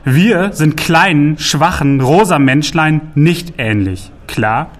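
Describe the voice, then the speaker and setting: Male narrator doing a surly troll brute in a storybook reading, loud and slow-spoken threats. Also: a little high, animated. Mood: grim. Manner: growling threats, loud and drawn out. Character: big grim male troll, hostile and proud.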